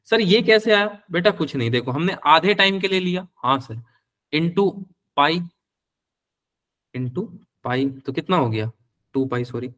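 A man's voice: a little high, expressive, measured pace, fairly bright tone. A young man teaching a physics class live online, chatty, calling his students beta and answering their questions.

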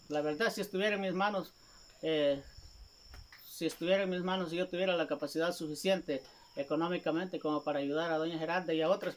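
A man, a vlogger speaking casually to his viewers in a gravelly voice, rambling and repeating himself as he recounts a conversation. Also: fairly high pitch. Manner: rambling, repeats "me dice" often.

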